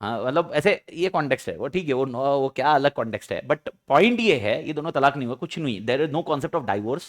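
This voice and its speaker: A young man with an Indian accent teaching a classroom lecture, lively, acting out students and parents in quick mock dialogue. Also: medium pitch.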